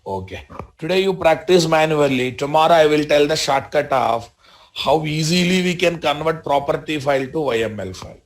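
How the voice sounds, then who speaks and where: A man with a Telugu Indian accent teaches a live software tutorial as an instructor, repeating short phrases and often checking that learners follow. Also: a little high, normal speed. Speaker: programming instructor.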